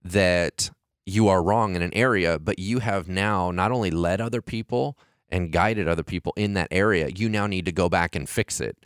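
A man talking in a casual podcast conversation, animated, often acting out the voices he quotes. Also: low-pitched, moderate pace, smooth, no echo, studio quality. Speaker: co-host.

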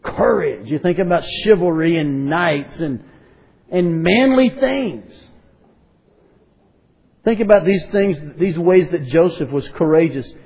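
A man's voice: a little high, moderate pace, few pauses, slightly rough, dull audio. A man preaching a sermon to a congregation, asking rhetorical questions and prompting his listeners to respond.

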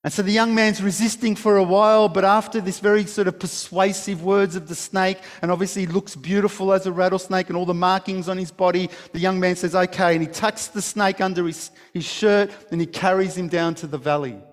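A man's voice: high-pitched, steady tone, brisk, hardly any pauses, in a large hall. A man preaching a sermon, telling a story with emphasis and many restarts. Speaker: pastor.

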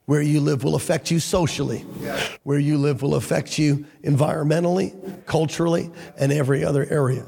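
A man preaching as a pastor with a gravelly voice, hoarse from a cold, in a deliberate, emphatic sermon delivery. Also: fairly high pitch, a little mellow. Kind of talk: sermon with scripture reading and prayer. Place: large church hall. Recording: reverberant large-hall sound.

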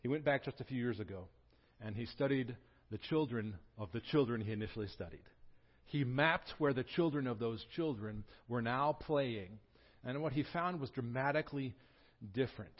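A man's voice: medium pitch, moderate pace, highs cut off. Man in his forties, preaching. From Southern California. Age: 40s. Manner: prays softly, then preaches with lively storytelling and humor. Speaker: pastor. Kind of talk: sermon.

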